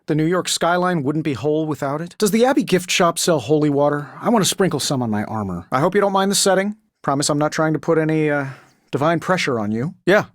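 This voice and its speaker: A man's voice: a little high, expressive, fast, no room sound, clean studio sound, natural voice. A man playing a cocky, quippy genius inventor superhero in a video game, delivering wry, sarcastic, glib banter. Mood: wry, teasing.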